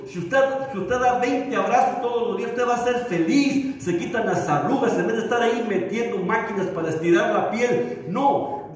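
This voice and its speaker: A man, a pastor, preaching a sermon with humor and acting out little dialogues. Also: sits high. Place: church hall. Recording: echoey hall from far off.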